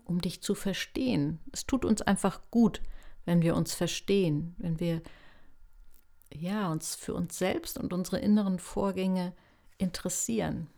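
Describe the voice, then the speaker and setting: A woman hosting a self-help podcast, talking calmly and gently to the listener in a reflective, coaching manner. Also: medium pitch, vocal fry. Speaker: podcast host.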